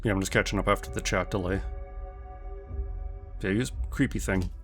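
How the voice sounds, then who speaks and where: A man's voice: deep voice, fairly even intonation, a little fast, a bit bright, faint music behind. A man streaming a game, chatting casually with viewers and thinking aloud with lots of fillers.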